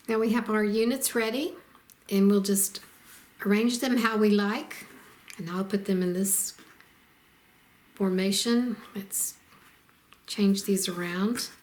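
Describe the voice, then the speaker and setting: A woman narrating a step-by-step quilting tutorial as the instructor, in a calm and methodical way. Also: mid-range voice, a little slow. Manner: calm, methodical, explains each step plainly.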